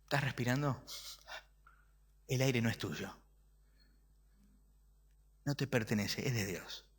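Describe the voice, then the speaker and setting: A man's voice: mid-range voice, slow, slightly rough, in a large hall. A man with an Argentine accent preaching a sermon to his congregation, asking rhetorical questions and joking with them. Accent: Argentine Spanish. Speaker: pastor. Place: church hall.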